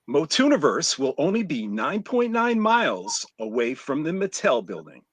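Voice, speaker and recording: A man co-hosting a casual live-stream chat, reading list items with comic timing. His voice is husky and a little high, and it rises and falls widely. The sound is dry and close. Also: no room sound. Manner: jokey, reads list items with dramatic pauses. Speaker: podcast co-host reading a countdown list.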